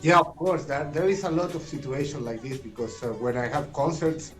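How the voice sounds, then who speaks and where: Chilean male guest, Spanish native, halting English, slightly high voice, music bed under. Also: low-quality recording. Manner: halting, repeats words, asks "you understand?". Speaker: guest, [name] tribute performer. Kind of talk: interview over a call, in second-language English.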